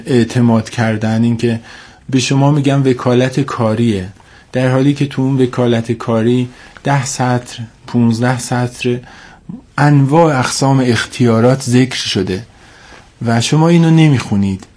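Suffering from a cold with a stuffy nose, an expert guest on a radio interview speaks in a formal, hesitant way, returning to points to emphasize them. His voice sits mid-range, steady, with a darkish tone.

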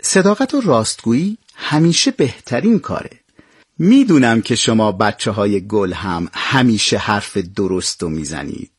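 A man narrating a scripted children's story, expressive and addressing the children directly. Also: fairly low pitch, slightly rough.

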